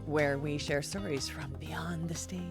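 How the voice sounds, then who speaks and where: A woman's voice: sits low, fairly even intonation, a little slow, creaky, music in the background. A middle-aged woman hosting a casual podcast chat in a studio, bubbly and laughing often. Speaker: podcast host.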